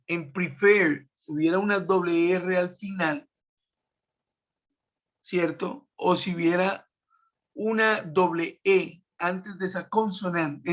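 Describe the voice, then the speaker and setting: Slow, patient male teacher. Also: high-pitched. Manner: patient, explains step by step, checks in with "¿sí?". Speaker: English teacher. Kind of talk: online grammar lesson. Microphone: web conference computer mic. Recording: dull lo-fi web call audio.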